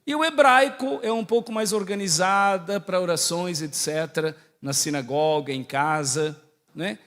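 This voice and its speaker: At a moderate pace and with a fairly bright, high voice, a priest from southern Brazil gives a religious talk in a conversational, teaching style. His Santa Catarina accent is close to Portuguese, and he keeps putting questions to his listeners and checking in. It was recorded in a large hall that echoes with long reverb.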